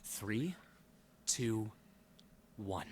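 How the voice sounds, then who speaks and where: A man's voice: fairly low pitch, animated, extremely slow, very noisy. An actor playing a menacing, bossy, foul-mouthed young gunman as an unhinged, taunting villain in a video game. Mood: cold, menacing. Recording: game music under the voice. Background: game music.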